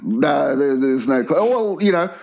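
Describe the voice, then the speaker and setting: A man's voice: a little high, measured pace, gravelly. A man, co-hosting a comedy podcast and telling crude stories. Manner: crude, storytelling, animated. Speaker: podcast co-host. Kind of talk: casual comedy chat.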